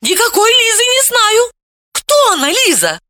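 A loud, cheeky young woman who exclaims nearly everything and swings wildly up and down in pitch, as a woman narrator puts her on. Her voice sits high and bright, recorded close and dry. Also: very animated, normal speed, no echo, full character voice. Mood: defiant, brash. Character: brash young woman, defiant and provocative. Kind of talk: audiobook character voice.

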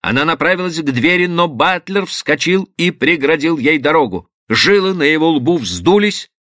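A man narrating a novel as an audiobook in an expressive literary reading. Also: fairly high pitch, moderate pace, no echo, clean studio sound.

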